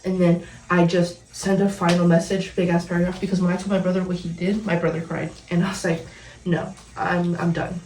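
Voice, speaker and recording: A woman's voice: fairly low pitch, level tone, brisk, darkish tone. A young woman vlogger telling a storytime rant about her ex, blunt and sarcastic, swearing freely with bitter laughs. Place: at home, dyeing her hair. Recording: roomy, distant from mic, faint music behind.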